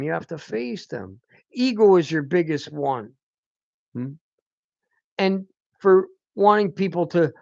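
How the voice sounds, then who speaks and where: A man's voice: sits high, gravelly, no room sound. A man rambling through a spiritual monologue as a channel host, often asking "hmm?" to his listeners. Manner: rambling, repeated prompts of "hmm?". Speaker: channel host, self-styled teacher. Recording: dull lo-fi dry recording.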